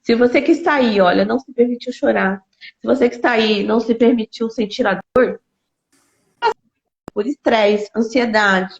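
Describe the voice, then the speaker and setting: A woman's voice: a little high, moderate pace, vocal fry. A woman shares her own experience of grief in an earnest, emotional way. She repeats phrases for emphasis as she talks. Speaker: speaker sharing a personal grief story. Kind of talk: heartfelt conversational talk. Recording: roomy, slightly dull sound.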